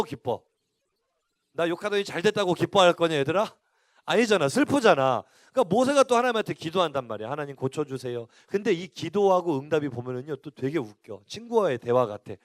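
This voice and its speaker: A man's voice: high-pitched, no echo, studio quality. A male pastor preaching to young people, often throwing questions at the listeners and acting out the conversations he describes. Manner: lively, asks the congregation questions. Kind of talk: youth sermon.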